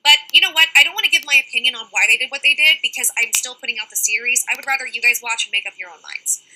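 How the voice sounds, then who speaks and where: A woman's voice: high voice, racing, background noise. A young woman hosting a casual livestream, reading out chat comments and answering them directly.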